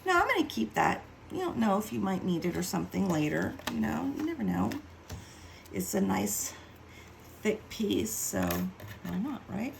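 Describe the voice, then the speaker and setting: A woman's voice: mid-range voice, very animated, normal speed, creaky, slight background noise, poor audio. A woman giving a casual craft tutorial, chatty and self-mocking as she thinks aloud while working. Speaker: card-making demonstrator.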